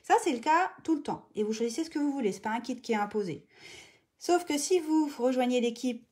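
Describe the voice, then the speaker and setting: A middle-aged woman runs a live crafting tutorial in a relaxed, chatty way. Her voice sits a little high but sounds mellow and warm, and she breaks off often to greet viewers by name. She talks with frequent hesitations. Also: fairly quick. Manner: chatty, greets viewers by name mid-sentence, many fillers. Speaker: crafting demonstrator hosting a live video. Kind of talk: casual live tutorial chat.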